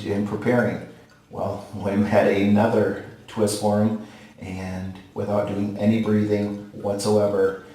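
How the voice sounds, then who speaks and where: Guy in his 40s chatting to camera in a super echoey tiled bathroom, lowish mellow voice, kinda halting. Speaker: vlogger. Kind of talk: casual monologue to camera. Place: small tiled bathroom, sitting in a bathtub. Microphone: camera or phone a short distance away.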